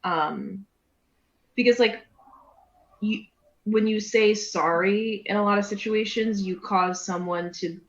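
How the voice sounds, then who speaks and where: A woman's voice: medium pitch, slow pace, pauses often. A woman co-hosting a podcast who works as a therapist, talking casually and explaining at length with lots of fillers. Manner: talkative, explains with many fillers. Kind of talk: casual chat. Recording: roomy, dull, slight hiss.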